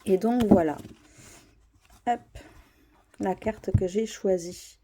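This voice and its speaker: Hesitant woman with a mellow voice. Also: mid-range voice, takes it slowly, a little hiss or hum. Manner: hesitant, many fillers and restarts. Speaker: tarot vlogger. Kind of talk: casual show-and-tell.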